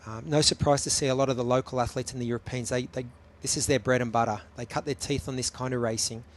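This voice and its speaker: A man in a mid-pitched voice calls a live race, breaking down the tactics in a relaxed, chatty way. Frequent ums fill the gaps between his points, and faint noise sits behind him. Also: quick pace. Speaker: race commentator. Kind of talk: live sports commentary.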